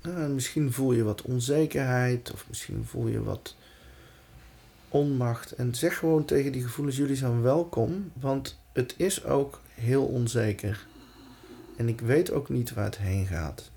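A man leads a guided relaxation in a soothing, reassuring manner. His mid-pitched voice is soft-edged and mellow, with plenty of gravelly fry. He gives short, gentle instructions and leaves room between them. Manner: calm, soothing, reassuring, with pauses. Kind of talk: guided breathing and body-awareness exercise.

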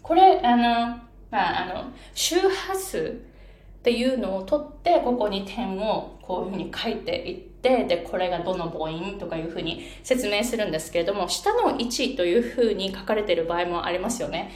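A woman pronunciation coach explaining a chart in a patient, lively way, with many fillers and English phrases dropped into her talk. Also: medium pitch, normal speed. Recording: echoey room, faint background noise.

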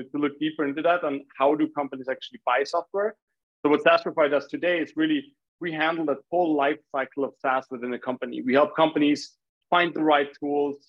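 Heard through dull audio, this man's voice leans a bit high. He's an Austrian founder with a matching accent, chatting casually while being interviewed as a podcast guest.

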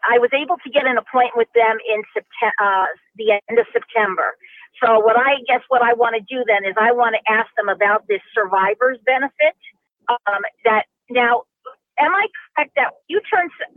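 A woman's voice: a little high, dry recording. A woman in her sixties calling in to a talk show, rambling and restarting her questions as she asks them. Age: 60s. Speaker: caller. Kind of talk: call-in question. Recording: tinny phone line.

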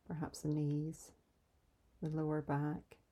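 A woman leading a calm guided grounding exercise in a soft, soothing, unhurried way, pausing between instructions. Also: low-pitched, breathy edge. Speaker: meditation guide.

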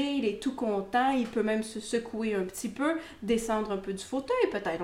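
A woman with a Québécois French accent explaining dog training to viewers in a lively way, often checking in with "ok?". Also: on the high side. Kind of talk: instructional talk to viewers. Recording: roomy echoey room.

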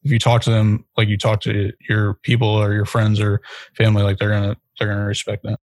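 A male guest talks quickly and casually, leaning on "like" between phrases. His delivery stays fairly flat and lowish, and the recording is dry and close. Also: no room sound. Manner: casual, heavy use of "like". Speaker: interview guest. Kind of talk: conversational interview.

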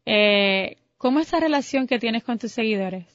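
Woman interviewer, higher pitch; long encouraging questions; dry, dull recording. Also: animated, normal speed, no echo. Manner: long flowing sentences, encouraging.

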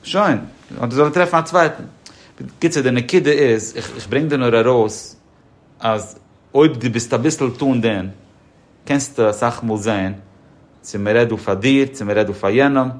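A man's voice: medium pitch, normal speed. A man as a podcast guest giving insurance advice, emphatic and explaining through examples. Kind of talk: casual podcast conversation.

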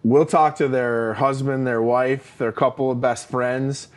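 A man's voice: medium pitch, fairly even intonation, a little slow. A man co-hosting a leadership podcast, talking emphatically with many fillers and "right?" tags. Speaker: podcast co-host, leadership coach. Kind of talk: casual leadership podcast chat.

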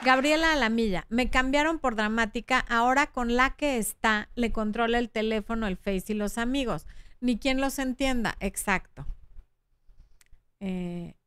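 A woman in her thirties with a Mexican Spanish accent hosts a frank, chatty relationship advice talk, reading viewer comments aloud and acting out the quoted voices. Her voice is on the high side, smooth and fairly bright, and she speaks unhurriedly. The recording is dry, with some chatter in the background.

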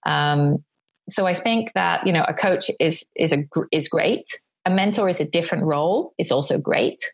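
A woman's voice: sits low, moderate pace, gravelly, breathy edge. A woman, a chatty interview guest who talks with frequent ums. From north of England. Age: 40s. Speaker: guest, business owner. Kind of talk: casual interview chat.

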